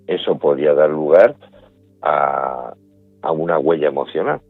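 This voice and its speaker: A middle-aged man with a Spanish accent, a paranormal investigator answering interview questions in a measured, explanatory way. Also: rumbling low, no room sound, faint music behind. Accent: Spanish from Spain. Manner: measured, explains step by step with restarts. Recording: dry, phone-like remote line.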